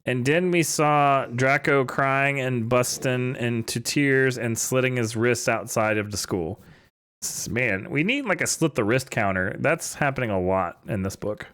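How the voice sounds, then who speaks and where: A man's voice: medium pitch, unhurried, fairly bright tone, clean tone. A man reading bad fan fiction aloud for laughs, breaking off for mocking, sarcastic asides. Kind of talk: comedic dramatic reading with commentary.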